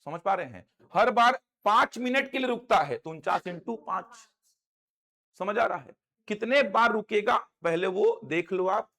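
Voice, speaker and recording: High-voiced man teaching maths class. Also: lively intonation, measured pace, pushed and bright. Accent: Chhattisgarh Hindi. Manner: questioning students, repeating steps. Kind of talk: classroom lecture.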